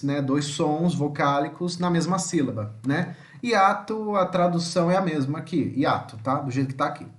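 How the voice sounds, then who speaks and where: A man with a Brazilian Portuguese accent teaching an online language lesson, patiently explaining and often checking in with the listener, slowly spelling out words syllable by syllable. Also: fairly high pitch.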